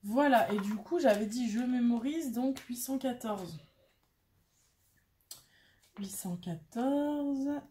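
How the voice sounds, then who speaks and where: A woman's voice: fairly high pitch, normal speed, hardly any pauses, mellow, slight background noise. A woman chatting casually and mocking herself while she works on a craft, thinking aloud as she goes. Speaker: craft vlogger.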